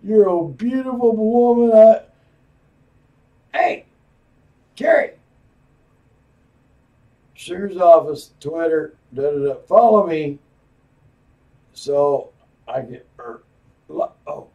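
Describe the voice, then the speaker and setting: A man hosting a solo podcast, talking in a profane, meandering way with loud outbursts, and sounding a little tipsy. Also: high voice, slow, long pauses, highs cut off. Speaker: podcast host. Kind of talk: rambling solo podcast talk. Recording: voice a bit far from the mic.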